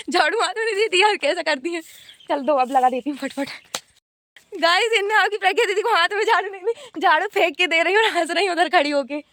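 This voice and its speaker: A young woman vlogger with a very high, expressive, slightly bright voice chats playfully and quickly in a casual daily vlog, laughing often. She records outdoors at home and by a road on a handheld phone, with no echo.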